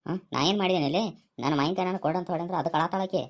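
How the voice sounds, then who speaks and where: Woman doing a village guy w/ north karnataka accent, low voice, rattles off scolding lines super fast. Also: lightly acted. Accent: North Karnataka Kannada. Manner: rapid scolding banter. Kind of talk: comic village skit.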